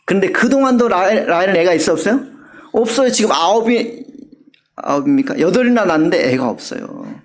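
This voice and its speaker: A male pastor giving an animated sermon, often asking the congregation questions. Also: high voice, a little fast.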